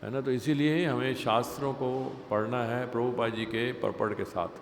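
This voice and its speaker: A man's voice: medium pitch, steady tone, normal speed. Brief: male class speaker, patient, repeats for emphasis, long reverb from a temple hall, faint background hum. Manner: explains with everyday examples, stresses points by repeating. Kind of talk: devotional scripture class. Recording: echoey hall with faint ambience.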